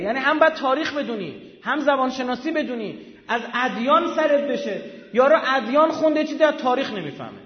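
A high-pitched man gives a live lecture with emphatic delivery, often stopping to quiz his listeners. His voice rings with a long reverb, as in a large hall. The recording sounds dull and lo-fi. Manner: emphatic, quizzes listeners with quick questions.

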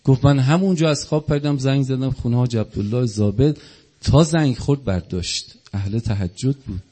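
Impassioned preacher man, husky and dark. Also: mid-range voice. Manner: impassioned, acts out quoted dialogue. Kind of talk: religious sermon with storytelling.

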